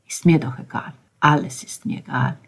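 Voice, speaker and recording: A woman narrating a German novel in a measured, expressive reading voice that drops softly at times. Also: low-pitched, vocal fry, husky. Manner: measured, expressive reading, dropping to soft asides. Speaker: audiobook narrator.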